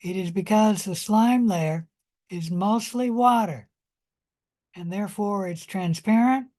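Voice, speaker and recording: A woman gives a recorded biology lecture at a slow, deliberate pace. She explains carefully, pausing often and restarting sentences with fillers. Her pitch sits in the middle range. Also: warm tone.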